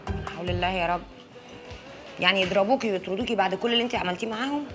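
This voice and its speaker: A woman's voice: mid-range voice, very fast, loud music behind the voice, lightly acted. An actress with an Egyptian accent playing a blunt, nagging young woman friend.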